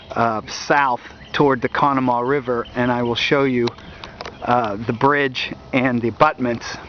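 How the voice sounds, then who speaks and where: A man narrating a walking tour outdoors along a wooded riverbank, talking in a halting way with many fillers, recorded on a handheld camera mic. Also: medium pitch, slight background noise. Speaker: history video host. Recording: dull lo-fi outdoor audio.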